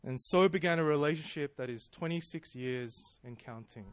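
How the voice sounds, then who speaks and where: The speaker is a man from Australia in his 30s giving a sermon built on personal stories; he's chatty, pokes fun at himself, and frequently laughs. His voice leans high, his speed is normal, and the recording is dry.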